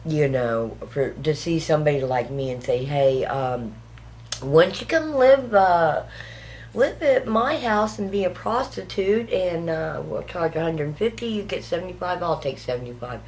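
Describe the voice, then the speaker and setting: A woman with a fairly low voice talks through her story in a documentary interview. She is chatty and slips into other people's voices as she retells them. A faint hiss sits under the recording. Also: animated, unhurried, darkish tone.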